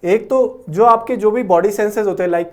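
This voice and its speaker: A man's voice: high voice, moderate pace. A young man teaching vocabulary in a classroom lecture, explaining word roots patiently and often checking with "okay?", with English words mixed into his Hindi.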